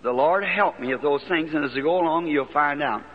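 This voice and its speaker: High-voiced preacher in an echoing hall. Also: male voice, fairly quick. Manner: folksy, plain-spoken storytelling with rural turns of phrase. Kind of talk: sermon storytelling. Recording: dull lo-fi archival sermon recording with long hall reverb.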